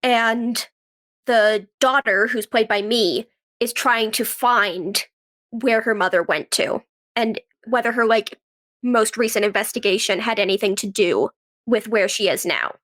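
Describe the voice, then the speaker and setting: Slightly slow and fairly bright, with a voice on the high side, a young actress and writer responds to podcast interview questions. She keeps it casual, narrating stories, saying "like" often, and voicing what she was thinking.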